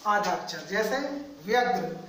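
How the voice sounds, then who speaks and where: A man's voice: sits high, fairly bright tone, slight background noise. Man, coaching teacher, patient repetitive explanation, very echoey room, distant from mic. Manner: slow and repetitive, addresses students as friends. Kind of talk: classroom grammar lesson. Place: coaching classroom.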